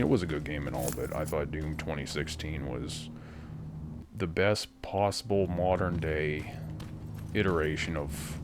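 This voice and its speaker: A man's voice: extremely low pitch, background noise. A man giving casual, crude, joking gameplay commentary that rambles as he plays. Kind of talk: casual let's-play commentary. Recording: game music loud behind the voice.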